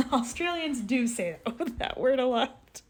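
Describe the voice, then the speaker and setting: A woman's voice: high voice, animated, slow pace. A young woman, chatting casually and giggling with her live-stream chat. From United States.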